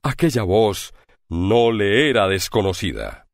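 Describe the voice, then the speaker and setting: A man narrating an adventure novel with a measured, expressive reading. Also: lowish voice, no room sound. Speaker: audiobook narrator. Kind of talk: scripted narration.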